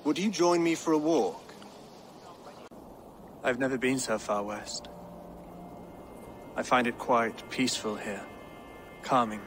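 An actor playing a grave, pious Anglo-Saxon king in a video game, with an English accent and a calm, measured, formal manner. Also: mid-range voice, a little hiss or hum, lightly acted. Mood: calm, guarded. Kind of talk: video game cutscene acting. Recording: music behind the voice.

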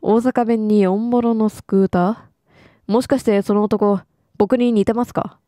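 A woman's voice: medium pitch, steady tone, a little slow, dark tone, no echo, clean studio sound, natural voice. A woman reading the lines of a polite young male defense lawyer from a game, asking questions.

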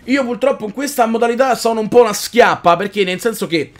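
A man doing excited let's-play commentary on a wrestling game, shouting move names and swearing freely. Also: high voice, quick pace. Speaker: gaming YouTuber.

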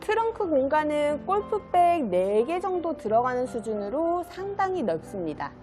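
A woman with a high, lively voice delivers a scripted used-car sales pitch. Her phrasing is polished, polite and promotional, rising and falling freely, with music playing behind her. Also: normal speed. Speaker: used car dealer presenting a car for sale.

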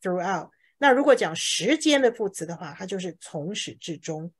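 A woman teaching an English class in Chinese, patiently explaining words and reading example sentences slowly. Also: fairly low pitch, lively intonation, slightly rough.

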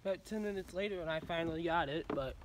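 A man's voice: a little high, quick pace, background noise. A man vlogging while fishing outdoors by a pond, talking casually and a little mumbled from the sunflower seeds in his mouth. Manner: rambling, chatty. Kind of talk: casual chat to camera.

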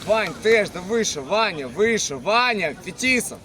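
A man's voice: lively intonation, moderate pace, sharp tone, slight background noise. A man coaching football, calling out insistent, repeated instructions during a match in a commanding manner. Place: outdoor football pitch. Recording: outdoor pitch with crowd behind.

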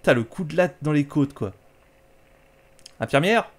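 A man's voice: fairly high pitch, a little fast, a little mellow, slight background noise. A man giving casual, joking commentary while playing a video game, talking back to it sarcastically. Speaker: let's play host.

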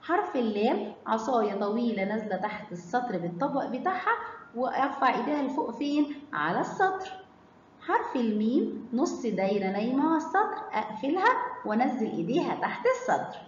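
A woman with an Egyptian Arabic accent teaching children to read, stretching out syllables slowly and quizzing them with questions. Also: fairly high pitch, very animated, slight background noise. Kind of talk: children's phonics lesson. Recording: echoey hall, slightly dull sound.

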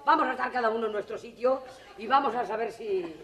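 A woman's voice: on the high side, reverberant, over a noisy crowd, very noisy, close to an everyday voice. Actress playing a luckless jilted woman on stage. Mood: wry. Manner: quick comic asides turning to tearful pleading. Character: luckless jilted woman, comic yet heartbroken. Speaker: lead actress in a stage revue. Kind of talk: stage comedy performance. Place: theater stage before a live audience. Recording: 1980s television theater recording with audience laughter.

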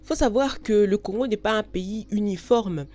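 A woman's voice: medium pitch, moderate pace, dark tone, soft background music. A woman from Belgium, vlogging in a frank, chatty way with many hesitations. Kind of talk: casual talk to camera.

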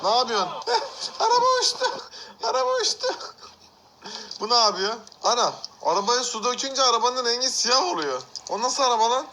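A man's voice: very high-pitched, big pitch swings, normal speed, pushed and bright, slight background noise. A man hosting a casual reaction video, exclaiming and laughing often as he comments on clips.

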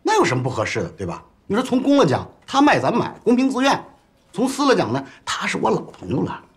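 Slick exec, persuasive, very lively pitch. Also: male voice, very fast. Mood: insistent. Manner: persuasive, wheedling, folksy. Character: pushy, glib male executive, middle-aged. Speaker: company boss.

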